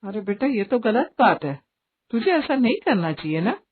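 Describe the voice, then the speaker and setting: A woman playing a middle-aged mother who talks briskly and scolds. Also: fairly high pitch, very animated, breathy edge. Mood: concerned. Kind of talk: Hindi story voice acting. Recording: tinny phone-like audio, faint hiss.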